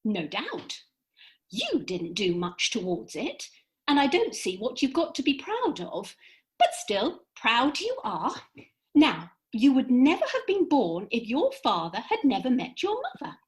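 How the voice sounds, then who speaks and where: Playing a lofty fairy in a comic radio play, a woman lectures in a high, exaggerated voice whose pitch swoops wildly up and down. Her phrasing is brisk, precise and theatrical, and her mood is lofty and lecturing.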